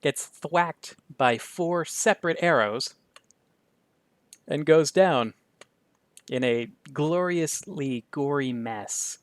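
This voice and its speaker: A man running a tabletop game as game master, relaxed and thinking aloud. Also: on the high side, takes it slowly, pauses often, dry recording, clean studio sound.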